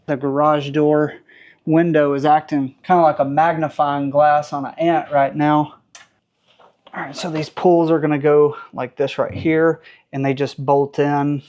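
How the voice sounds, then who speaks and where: A car restoration vlogger in his thirties with a Southern accent works on a truck in his home garage, chatting casually and joking at his own expense. His voice is on the high side and darkish, with little pitch movement and a measured pace, and the highs are cut off.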